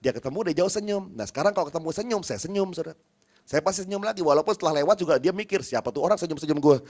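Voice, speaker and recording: A male pastor preaching with a storyteller's timing and humor. He keeps addressing the congregation directly and acts out little exchanges. His voice drops to soft asides, then climbs to loud, emphatic peaks. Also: high-pitched, very fast. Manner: lively storytelling, often calls out to the congregation. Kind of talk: sermon.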